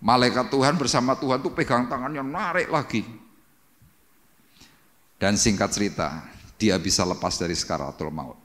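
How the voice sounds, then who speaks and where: A male pastor delivers a dramatic Pentecostal sermon to his congregation, acting out cries and sound effects. His voice sits at a medium pitch with a fairly bright tone, moving at normal speed and pausing often. The church hall adds a long reverb to the recording.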